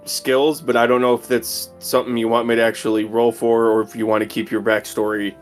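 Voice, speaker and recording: Mid-pitched agreeable player. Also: male voice, flat delivery, a little fast, soft background music. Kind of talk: casual game chat.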